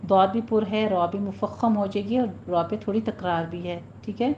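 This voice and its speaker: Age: adult. Sex: woman. Role: Quran recitation teacher. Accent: Pakistani Urdu. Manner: patient, stretches out sample words slowly. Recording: dull lo-fi, faint hiss. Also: medium pitch, fairly even intonation, darkish tone. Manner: patient instructional, drawn-out demonstrations of words. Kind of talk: tajweed lesson, explaining and demonstrating recitation.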